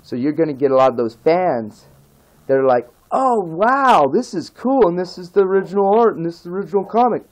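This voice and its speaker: Sing-song and fairly quick, a man who grew up in the nineties rants to camera as a vlogger, though the audio is poor. He pleads over and over with heavy emphasis, going higher in pitch when begging.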